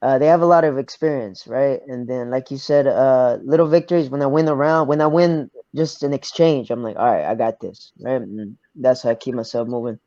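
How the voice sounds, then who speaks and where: A young man from Arkansas, a fighter answering interview questions quietly, pausing to search for words. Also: mid-range voice, fairly even intonation, no room sound, highs cut off. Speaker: MMA fighter, guest. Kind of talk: casual interview.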